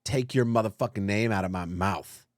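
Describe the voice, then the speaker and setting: A man's voice: on the low side, normal speed, no echo, studio quality, lightly acted. A man putting on a vengeful witch mother. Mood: menacing. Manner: menacing, profane threats. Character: wicked witch mother of tears, female, vengeful.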